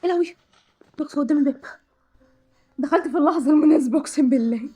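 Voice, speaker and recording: A woman with an Egyptian Arabic accent hosting a horror game let's-play, excitable and jumpy as she talks through her fright. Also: high voice, very fast, soft background music. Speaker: gaming channel host.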